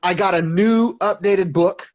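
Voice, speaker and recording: This man has a high-pitched, unhurried voice and speaks casually as a guest in a video-call interview. He stutters a lot, restarting sentences and repeating words.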